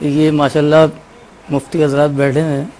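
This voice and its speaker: A man's voice: on the high side, little pitch movement, normal speed, darkish tone, a little hiss or hum, low-quality recording. Joking male qawwali singer guest. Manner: candid, joking. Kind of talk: casual studio chat.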